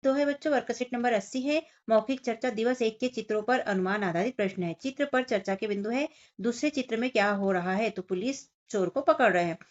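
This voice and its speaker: A woman's voice: on the high side, fairly quick, hardly any pauses. A woman teacher walking young children through a Hindi workbook lesson, explaining each picture and question step by step and speaking to them directly. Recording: dull lo-fi sound.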